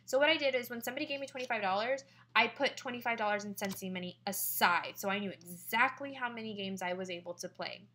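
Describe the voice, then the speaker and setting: A young woman chatting to camera about a party she hosted, excitable and full of fillers. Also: mid-range voice, fast, few pauses, slight background noise. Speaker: direct sales consultant sharing party tips. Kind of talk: casual vlog monologue.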